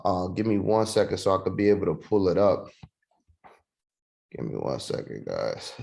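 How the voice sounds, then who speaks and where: Over a video call, a Puerto Rico–born man raised in New York City runs an online sales training in a loose, slangy style, calling his listeners "man" and "bro." His voice is low and gravelly with a darkish tone, swinging widely in pitch at a normal speed.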